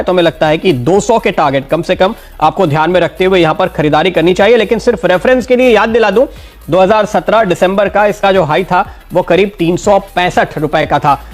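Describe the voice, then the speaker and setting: A man giving a steady stock market analysis and talking straight to viewers, explaining why he recommends each share. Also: sits high.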